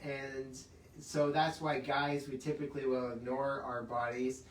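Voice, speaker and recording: A chatty man hosts a casual health talk, laughing easily and filling pauses with "um" and "you know." He sounds set back from the mic in an echoey room. A faint hiss sits under his voice. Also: medium pitch, flat delivery, far from the mic. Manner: chatty, laughing, many fillers. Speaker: chiropractic clinic host. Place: clinic room.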